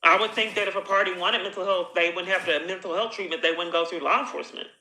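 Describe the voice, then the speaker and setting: On the low side and steady, with a quick pace and sharp edge, a woman confronts someone over the phone. She is recording the call herself in an echoey space, and her accusatory insistence runs on in drawn-out, repetitive speeches.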